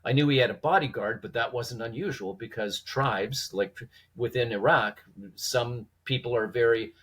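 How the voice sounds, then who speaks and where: A man with a slightly husky voice telling stories conversationally as a guest, informally acting out quoted dialogue and posing rhetorical questions. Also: mid-range voice, normal speed, a bit bright. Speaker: podcast guest, former police trainer. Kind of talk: animated conversational storytelling.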